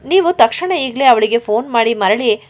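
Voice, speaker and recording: A scheming male office boss, voiced by a woman storyteller in a storybook reading, speaks in a falsely earnest tone. The voice sits fairly high. The recording sounds dull and lo-fi. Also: expressive, moderate pace, natural voice. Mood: feigned concern.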